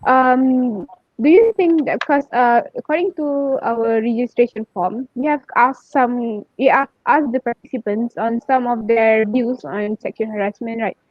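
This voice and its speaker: Woman moderator, fairly high voice, questioning tone with fillers, dry and slightly muffled call audio. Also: unhurried, no echo. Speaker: forum moderator. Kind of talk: online panel discussion. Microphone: video call.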